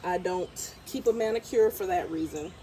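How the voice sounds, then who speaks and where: A woman's voice: fairly low pitch, normal speed, dark tone, a little hiss or hum. Congested woman chatting while gardening outdoors. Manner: chatty, thinking aloud as she works. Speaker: gardening vlogger. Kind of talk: casual vlog narration while gardening. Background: birds and outdoor ambience.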